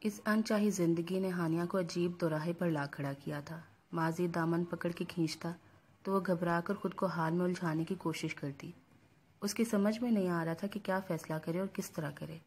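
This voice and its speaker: A woman reading a novel aloud as narrator, with a steady, even storytelling delivery. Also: on the low side, slightly rough.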